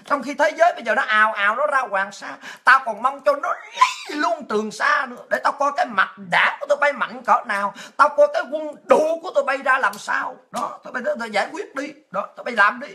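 A high-pitched woman rants in a monologue, her voice bright and piercing. She shouts and mocks, breaking into scornful laughs. She talks like a political commentator on a livestream. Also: very animated, fast talker, few pauses. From Vietnam. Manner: shouting, mocking, with crude insults and laughs.

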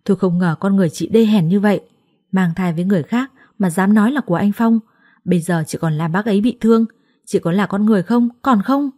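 A woman voicing a scornful, shrill young female rival. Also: fast, dark tone, no echo, studio quality, lightly acted. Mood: alarmed.

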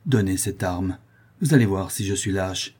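Man doing young aristocrat son, frightened, pleading, husky, storybook reading. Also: medium pitch, animated, moderate pace, mellow. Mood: resigned. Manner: pleading, fearful.

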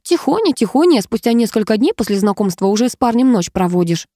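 A woman voicing a chatty, teasing young female friend who talks in a quick, mocking, gossipy way. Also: on the high side, sing-song, dark tone, dry recording, studio quality, pitched above the performer's own voice.

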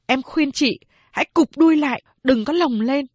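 A woman's voice: high-pitched, lively intonation, normal speed, a bit bright, no echo, voice pushed up. A woman voicing a hot-tempered young woman who argues back hard at her mother and sister. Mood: scornful. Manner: defiant, scolding. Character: sharp-tempered young woman, quick to slap.

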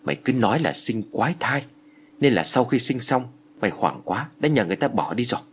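A brash, quick-thinking aunt talks fast and blunt, her voice swinging up and down, as a man puts her on. The sound is slightly husky. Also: medium pitch, very animated. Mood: impatient. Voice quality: blunt, impatient. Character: quick-witted, hot-tempered middle-aged aunt.

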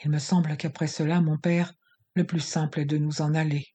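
A man's voice: a little high, level tone, fairly quick, dark tone, natural voice. A man voicing a proud, defiant young woman who answers coldly and firmly in an audiobook. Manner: cold, firm, contemptuous.

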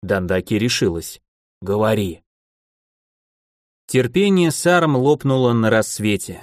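A man reading a story in measured first-person narration. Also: medium pitch, no echo, clean studio sound. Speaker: audiobook narrator.

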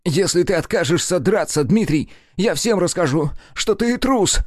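A man voicing a shy young suitor turned jealous and hysterical, shouting in a breaking voice. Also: sits high, expressive, moderate pace, no echo, clean studio sound, voice pushed up. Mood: furious.

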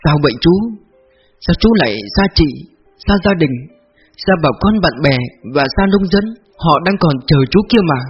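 A man's voice: high-pitched, lively intonation, rapid-fire, hardly any pauses, highs cut off, soft background music, pitched above the performer's own voice. A man voicing an older woman in an audiobook, a grieving sister-in-law who speaks choked and reproachful. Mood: choked grief.

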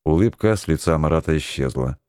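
Expressive male audiobook narrator. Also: very deep voice, a little fast, clean tone, dry recording, studio quality. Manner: expressive, performs all characters. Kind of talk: scripted narration of an adventure novel.

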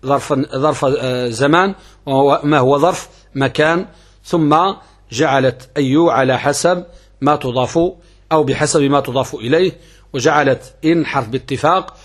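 A man's voice: medium pitch, husky. A man, an Islamic scholar giving a classroom grammar lesson, repeating his key phrases and checking that students follow.

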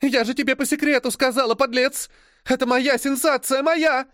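A man's voice: very high-pitched, fairly even intonation, slow pace, a little mellow, no echo, studio quality, voice pushed up. A man voicing a frightened young Frenchwoman journalist, sobbing and shrieking in indignation. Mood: indignant.

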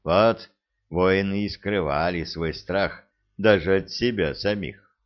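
A man reading an audiobook in a slow, even, measured way. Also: low voice. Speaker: audiobook narrator. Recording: dull lo-fi recording.

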